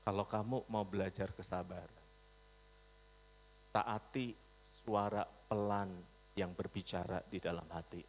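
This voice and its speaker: A male pastor preaching a storytelling sermon, animated, swinging from loud to soft. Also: low-pitched, a little slow, pauses often. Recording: long reverb, mains hum.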